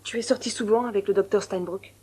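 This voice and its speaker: A woman's voice: mid-range voice, steady tone, fast, dark tone, slightly rough, close to an everyday voice. A woman voicing a caring, probing hospital doctor. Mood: concerned, teasing. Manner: questioning, protective. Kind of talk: French film dub.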